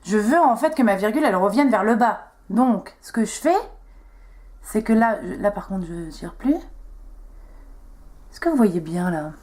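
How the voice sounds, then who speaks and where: A woman's voice: mid-range voice, lively intonation, measured pace, pauses often, darkish tone. A young woman chatting casually as she talks viewers through a makeup tutorial, joking at her own expense. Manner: chatty, self-mocking, talks viewers through each step. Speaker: beauty vlogger.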